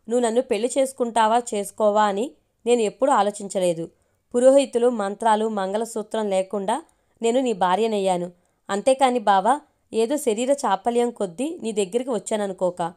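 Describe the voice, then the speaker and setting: A proud young woman speaks in wounded reproach in an audio story, read by a woman narrator. She sounds hurt and firm, with a fairly high pitch. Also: warm tone, lightly acted.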